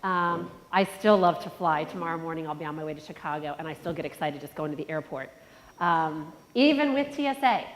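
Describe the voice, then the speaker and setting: A nasal-voiced, middle-aged conference keynote speaker tells a personal story in a motivational talk, addressing the crowd directly. Her voice sits low and she speaks animatedly and fairly quickly, with a large hall's long reverb behind her.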